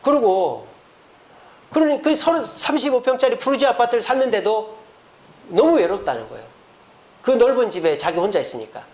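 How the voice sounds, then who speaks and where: A man preaching a sermon as pastor, telling a story with acted quotes in a church. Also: high-pitched. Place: church sanctuary.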